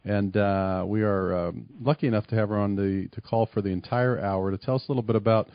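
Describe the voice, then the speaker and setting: A man's voice: fairly low pitch, steady tone, brisk, no echo, lo-fi sound. A man hosting a radio talk show, asking casual questions with plenty of fillers.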